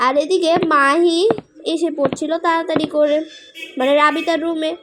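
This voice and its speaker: A woman's voice: high voice, fairly even intonation, normal speed, noisy background. A woman narrating a casual game role-play story in simple storytelling.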